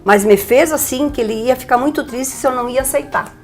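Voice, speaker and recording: A woman's voice: sits high, brisk, faint music behind. An older woman from Brazil, telling her story with energy as a guest on a TV interview. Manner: lively, animated storyteller.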